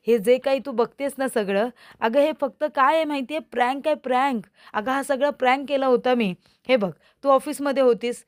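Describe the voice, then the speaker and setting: A young man pleading and making excuses, read by a woman narrator. The voice stays her own, fairly high, with coaxing repeated appeals. It is a spoken recap of a TV serial. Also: no echo, studio quality, natural voice. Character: young man nervously explaining away a prank.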